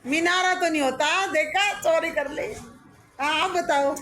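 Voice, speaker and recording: A woman's voice: very high-pitched, fairly even intonation, unhurried. A woman schoolteacher teaching pupils in a classroom, calling on them, praising and correcting their answers. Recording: echoey classroom with music over it.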